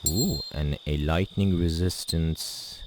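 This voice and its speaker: Loud game music and heavy background noise sit behind a poor home mic as a gaming channel host plays and chats casually. His low voice is fairly even in intonation, and he takes it slowly, rambling with many fillers and self-deprecating remarks. He comes from Pakistan, speaks Urdu natively, and lives in England.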